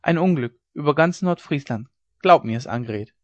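A breathless young farm maid rushes through her rumours, a little higher and louder than a plain telling, as a man reading a story puts her on. She drops her voice low when the talk turns to secrets. The recording is dull and dry. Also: animated, no room sound, close to an everyday voice. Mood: agitated.

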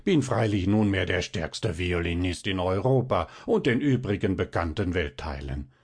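Brief: man putting on a tiny, smug crooked man, rasping and low. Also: animated, moderate pace, darkish tone. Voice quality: rasping, nasal. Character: small misshapen man, smug, snarling.

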